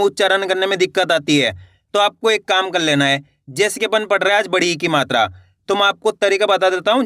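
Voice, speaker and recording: A man's voice: high voice, bright, forceful tone, no room sound, clean studio sound. A man teaching Hindi reading, who sounds out words syllable by syllable and encourages his viewers to keep trying. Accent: Hindi (Indian). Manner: stretches each word syllable by syllable, then repeats it; encouraging, addresses viewers as friends. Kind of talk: slow word-by-word reading lesson.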